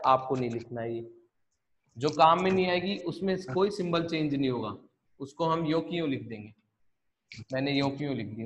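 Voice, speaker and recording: A man's voice: mid-range voice, a little hiss or hum. A man teaching a math lesson online, explaining step by step and often asking the class questions he then answers himself.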